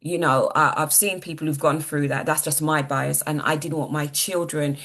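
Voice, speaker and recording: A woman in her sixties, telling her story earnestly as an interview guest, halting and repeating words. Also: low-pitched, fairly even intonation, a bit bright. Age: 60s. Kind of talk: personal testimony in an interview.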